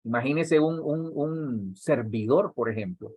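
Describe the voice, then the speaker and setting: Husky-voiced Honduran pastor teaching church workers. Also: male voice, mid-range voice, unhurried, darkish tone, no room sound, dull audio. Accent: Honduran Spanish. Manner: addresses listeners directly, repeats words, builds emphasis.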